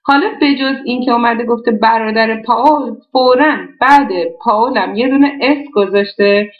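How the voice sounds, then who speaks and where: A woman's voice: a little high, reverberant, highs cut off. A woman teaching a language lesson, explaining an exercise step by step and often asking and answering her own questions. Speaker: German teacher.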